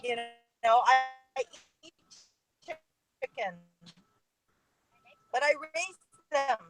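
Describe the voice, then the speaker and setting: Woman guest on a call dropping out, fragmented phone audio, slightly high voice. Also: soft background music, poor audio. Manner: halting, fragmented speech. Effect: call dropping out, voice breaking up. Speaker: panel guest. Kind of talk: casual chat on a video call. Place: inside a parked car. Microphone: phone on mobile data.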